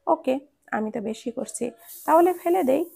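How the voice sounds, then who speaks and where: A woman's voice: high voice, expressive, normal speed, vocal fry, husky, heavily acted. Woman voicing a stern, teasing husband. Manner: bossy, threatening, quietly teasing. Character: stern commanding male minister, teasing husband.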